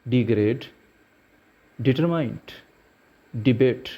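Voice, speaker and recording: A man teaching pronunciation rules, slowly spelling out letters and example words. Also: mid-range voice. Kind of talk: slow explanatory lesson. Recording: dull lo-fi recording.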